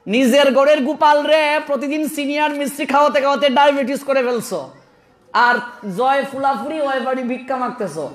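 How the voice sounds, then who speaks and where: A man with a Sylheti accent preaching a sermon full of humorous anecdotes, animated and often laughing as he scolds. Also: very high voice, fairly quick, echoey room. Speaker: religious preacher.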